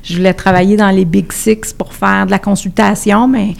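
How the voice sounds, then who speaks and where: A woman's voice: mid-range voice, little pitch movement, moderate pace, vocal fry, darkish tone. A woman in her forties with a Québécois French accent, a business coach chatting confidently as a radio guest. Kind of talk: radio interview.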